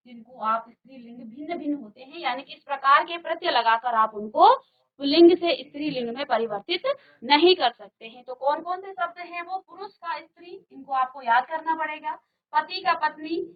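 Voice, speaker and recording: Woman teacher, high voice, unhurried, patient drills of word pairs, slightly dull studio sound. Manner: slow, patient, repeats word pairs and asks rhetorical questions. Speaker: Hindi teacher. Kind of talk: virtual classroom grammar lesson.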